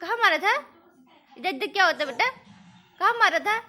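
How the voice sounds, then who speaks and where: A woman's voice: very high-pitched, animated, brisk, sharp tone. A woman in playful family chat, laughing and exclaiming as she retells what a child tells her, with faint music behind. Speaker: family vlogger.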